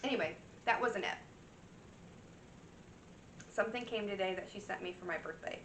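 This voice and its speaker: At a normal pace and in a mid-range, somewhat bright voice, a woman in her thirties chats about her craft projects in a casual cross-stitch vlog. She rambles with many fillers and restarts, and her voice is a little worn. The distant mic picks up room echo and slight background noise.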